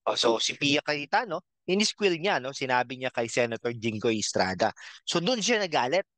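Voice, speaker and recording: A middle-aged Filipino-accented man hosts his own commentary channel, drifting through his points slowly, dotting nearly every phrase with a questioning "no?" and the odd throat clear. His pitch sits mid-range and the sound is dry and close. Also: sing-song, fairly bright tone, no room sound, low-quality recording. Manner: rambling, frequent tag question "no?"; slow, halting with fillers and throat clearing. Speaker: channel host. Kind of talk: casual political commentary vlog.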